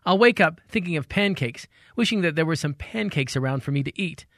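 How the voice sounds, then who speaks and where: A man hosting a radio show and narrating a personal story in a wry, measured way. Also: on the high side, expressive, a bit bright, no echo, studio quality.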